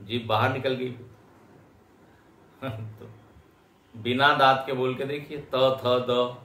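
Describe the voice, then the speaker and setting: A man teaching a lecture class, explaining slowly and patiently and sounding out syllables one by one. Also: mid-range voice, steady tone, bright, forceful tone. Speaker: Vedanta teacher. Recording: echoey lecture hall.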